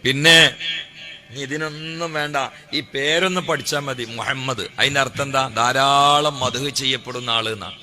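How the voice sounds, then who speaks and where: A man preaching a sermon, firing off rhetorical questions and building to loud, drawn-out exhortations. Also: medium pitch.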